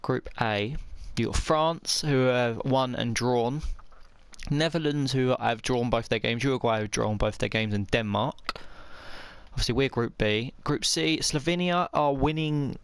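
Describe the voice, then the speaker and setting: A young man giving excitable play-by-play commentary on a football video game while he plays. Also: mid-range voice, measured pace, smooth, dry recording. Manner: excitable, talks to himself while playing. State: out of breath. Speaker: gaming commentator.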